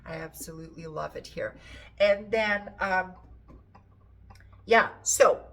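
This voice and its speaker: A Portuguese antiques seller with a Portuguese accent presents her shop's pieces in a relaxed show-and-tell, rambling slightly as she chats eagerly. Her voice is on the low side, fairly bright, and slow.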